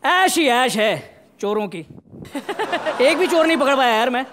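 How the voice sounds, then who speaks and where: An actor playing a loud, lazy, boastful police officer in a live stage comedy sketch, teasing and punning. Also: male voice, very high-pitched, lively intonation, normal speed, a little hiss or hum. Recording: live studio with audience laughter.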